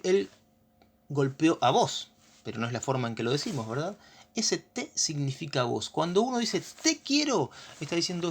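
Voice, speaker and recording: A teacher with an Argentine accent explaining grammar in a lesson, patient and often checking understanding with short questions. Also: mid-range voice.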